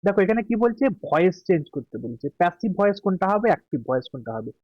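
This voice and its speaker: A man with a Bengali accent, an exam tutor going through answer keys slowly, stretching out English words and checking in often. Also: high-pitched, sing-song, no echo, highs cut off.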